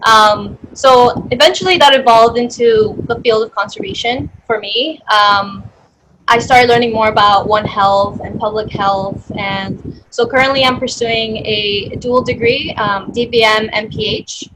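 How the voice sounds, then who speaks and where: A woman's voice: a little high, lively intonation, a little slow, a bit bright. Young woman, from Colombia, chatty, noisy video call with background hiss. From Colombia, raised in Miami. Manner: chatty, fillers. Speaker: panelist, veterinary student. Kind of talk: personal story on a panel.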